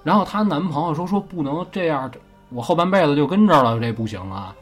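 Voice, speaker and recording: A man's voice: on the high side, lively intonation, quick pace, slightly rough. Host, male, Beijing accent, casual ghost-story telling, profane and chatty, faint music bed. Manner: chatty, swears casually, keeps checking with listener.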